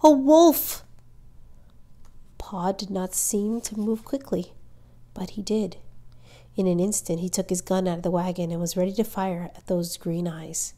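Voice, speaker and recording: A woman reading a children's novel aloud as a storyteller, with measured, expressive narration. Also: on the low side.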